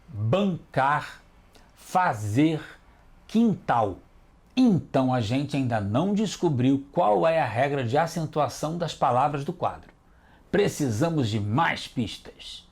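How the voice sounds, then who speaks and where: A man hosting a children's educational TV lesson, patiently encouraging the kids as detectives. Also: mid-range voice. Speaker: teacher and host.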